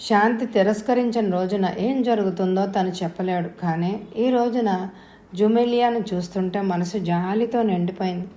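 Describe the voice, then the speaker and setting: Mellow woman narrating an audio novel. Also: mid-range voice. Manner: steady, measured storytelling. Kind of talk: scripted narration. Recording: roomy echo.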